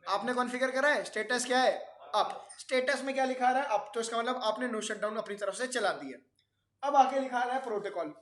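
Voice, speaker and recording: A man's voice: extremely high pitch, a little fast, fairly bright tone, reverberant. A man teaching a networking class, explaining step by step and often quizzing his students with questions. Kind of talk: classroom lecture.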